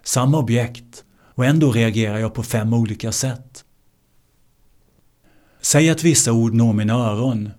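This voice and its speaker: A man teaching meditation in a slow, measured way, repeating key words for emphasis. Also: mid-range voice, darkish tone. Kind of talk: spiritual teaching talk.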